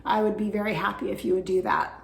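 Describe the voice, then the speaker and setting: A woman vlogs casually and instructionally about her weight-loss journey, chatty and full of fillers, her voice weakened as she recovers from the flu. Mid-range with vocal fry, she sounds very animated and talks quickly in an echoey room.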